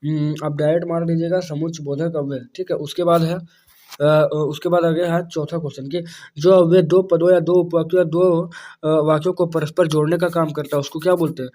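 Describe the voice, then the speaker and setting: Man teaching grammar, fairly high voice. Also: little pitch movement, a little fast, dark tone. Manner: explains patiently, repeating terms and checking with "ठीक है". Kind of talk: exam-prep grammar lesson.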